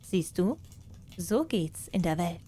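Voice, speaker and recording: A woman narrating bedtime fairy tales as an audiobook storyteller, in a warm, gentle manner. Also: on the low side, sing-song, slow.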